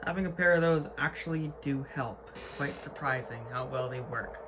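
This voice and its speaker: A hobbyist with a mid-range voice speaks at normal speed during an unscripted indoor tour of his gear. His tone is informal, slangy and matter-of-fact, and the amateur video is clearly noisy.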